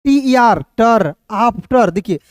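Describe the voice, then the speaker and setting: A man teaching English reading in Hindi, spelling words letter by letter and often checking if it's clear. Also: very high-pitched, lively intonation, takes it slowly, no echo, clean studio sound. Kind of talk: reading lesson taught in Hindi.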